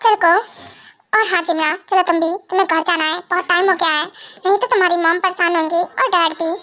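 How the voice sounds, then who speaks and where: A woman's voice: extremely high pitch, steady tone, brisk, pushed and bright. A woman voicing a curt, bossy young man in a fan voice drama.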